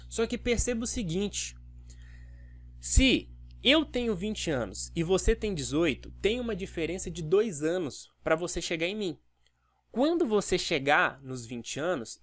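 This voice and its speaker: Fairly high-voiced math teacher. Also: male voice, a bit bright, no room sound, studio quality. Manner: explains step by step, with rhetorical questions to the viewer. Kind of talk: video math lesson.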